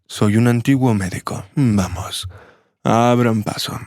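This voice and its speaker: A man voicing an old hooded vagrant, a former doctor, speaking low, steady and instructive in a storybook reading. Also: takes it slowly, dry recording, studio quality. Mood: calm, firm.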